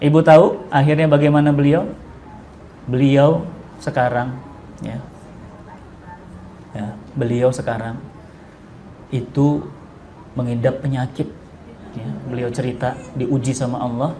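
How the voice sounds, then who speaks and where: A middle-aged man, giving a storytelling religious talk to women and acting out the dialogue with rising pitch. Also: steady tone, unhurried, long pauses, background noise. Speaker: preacher.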